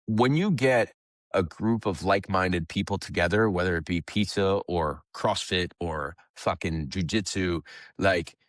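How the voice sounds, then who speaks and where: A man with a very low voice chats casually as a podcast guest. He is relaxed and conversational and swears now and then. The sound is dry and close. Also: measured pace, no room sound. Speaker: guest, pizzeria owner.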